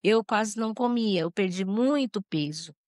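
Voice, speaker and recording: A woman's voice: mid-range voice, lively intonation, darkish tone, dry recording. A woman recounts her life in an emotional testimony. Her mid-range voice breaks off and restarts as she acts out what others said. The sound is close and dry, with no room around it. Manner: tearful, halting, with restarts and acted quotes. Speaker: interview guest telling her life story.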